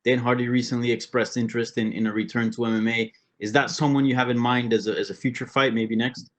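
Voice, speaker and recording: A male sports reporter asks press conference questions in a medium-pitched voice. He phrases them haltingly, reworking them as he goes. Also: little pitch movement.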